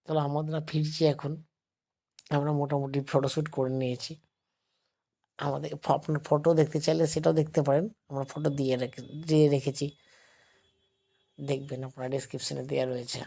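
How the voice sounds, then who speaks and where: A man narrates a casual vlog, talking slowly and quietly because of a sore throat. His delivery stays flat and even, with little rise and fall. It is recorded on a phone he holds himself as he walks around temple grounds. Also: fairly high pitch, gravelly. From West Bengal, India. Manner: speaks slowly and softly, addressing viewers as friends. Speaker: travel vlogger. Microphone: phone held while filming.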